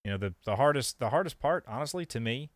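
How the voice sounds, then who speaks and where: A man in his thirties co-hosting a podcast, talking in a relaxed, meandering way. His humor is dry and wry, and his voice sits at an ordinary middle pitch. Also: fast talker. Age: 30s. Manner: laid-back, rambling, wry. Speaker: podcast co-host. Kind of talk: casual chat.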